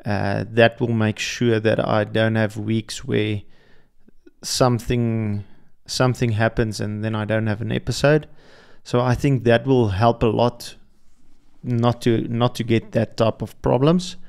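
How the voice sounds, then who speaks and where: Speaking on the low side at a measured pace, this young podcast host, a native Afrikaans speaker, delivers a flat, gravelly yet smooth voice. Alone with his thoughts, he reflects hesitantly, often restarting and leaning on fillers.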